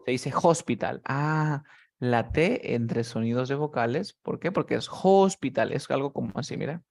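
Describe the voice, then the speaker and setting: This mid-range male voice is creaky and a touch mellow, moving at a moderate pace. Heard over a video call, he patiently teaches English to one learner, unpacking every rule in stages and repeatedly confirming understanding with checks such as "¿cierto?".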